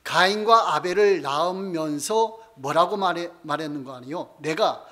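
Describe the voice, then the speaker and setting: Man preaching a sermon with rhetorical questions. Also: fairly high pitch. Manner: asks the congregation rhetorical questions, then answers them himself; slows down and drops softer to end key points. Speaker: pastor. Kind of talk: Bible study sermon. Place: church.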